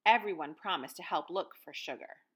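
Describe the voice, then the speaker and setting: An American teacher in her thirties reads a picture book aloud and gives a lesson to young children, using simple, guiding phrases. Her voice sits on the low side, fairly bright, at a normal speed.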